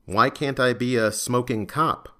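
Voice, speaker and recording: A blunt woman agent speaks in short, razor-sharp lines, read by a male narrator in close to his own voice. The tone is bright and forward. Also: mid-range voice, measured pace, natural voice. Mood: curt. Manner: curt, cutting.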